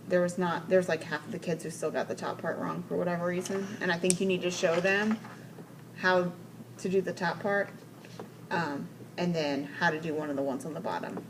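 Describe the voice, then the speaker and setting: A woman with a fairly low voice, coaching a teacher face to face. She is direct and businesslike, breaks a lesson into steps, and affirms often while she guides the talk. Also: a little hiss or hum, rough recording. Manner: directive, affirming with frequent "mm-hmm" and "like". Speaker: instructional coach. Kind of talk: one-on-one teacher coaching conversation.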